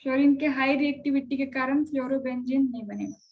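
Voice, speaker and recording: A high-voiced woman teaches a chemistry lesson and keeps stopping to ask her students whether anything is unclear. The sound is dull and lo-fi. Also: steady tone, fairly quick. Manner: conversational, checks on students often. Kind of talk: live online class lecture.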